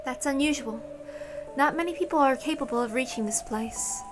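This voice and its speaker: A woman with a high-sitting voice reads a visual novel aloud to an audience as its narrator, using a storytelling style at a normal speed. Background noise can be heard.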